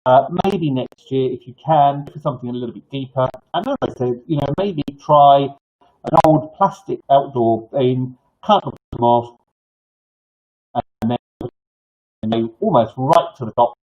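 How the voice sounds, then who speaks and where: Husky, toothless man giving halting gardening advice. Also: medium pitch. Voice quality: toothless, slightly slurred articulation. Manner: halting, rambling delivery with false starts and repetitions. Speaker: gardening clinic host. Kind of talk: informal live advice, answering viewer questions. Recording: dull, lo-fi sound.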